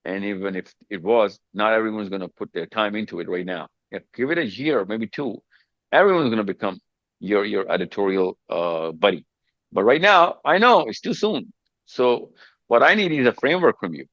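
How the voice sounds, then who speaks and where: Emphatic guy coaching his team on a video call, lowish voice, dull dry sound. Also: lively intonation, normal speed, fairly bright tone, dry recording. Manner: emphatic, calls people buddy, repeats words. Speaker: speaker leading a video call meeting. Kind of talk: animated coaching talk.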